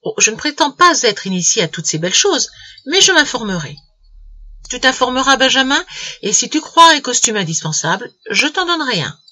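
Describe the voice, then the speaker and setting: A woman reading the part of a calm, plain-spoken older uncle in a storybook reading, keeping her tone even and dry. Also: sits high, a little fast, voice pushed up, exaggerated voice. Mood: calm, patient.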